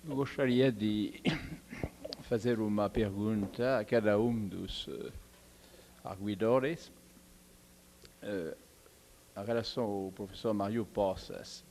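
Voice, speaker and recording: Audience man at a seminar, deliberate and halting, faint hum on the recording. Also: fairly low pitch, fairly even intonation, darkish tone. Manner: slow, deliberate, with frequent hesitations. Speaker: audience member asking a question. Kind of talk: academic seminar question. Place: seminar hall.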